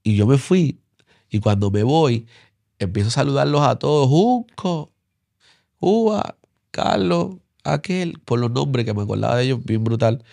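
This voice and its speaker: Earnest Puerto Rican pastor, dry close sound. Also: male voice, very animated, unhurried, creaky, no echo. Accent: Puerto Rican Spanish. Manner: earnest, repeats himself, voice drops low and soft when moved. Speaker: pastor, interview guest. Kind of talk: emotional storytelling interview.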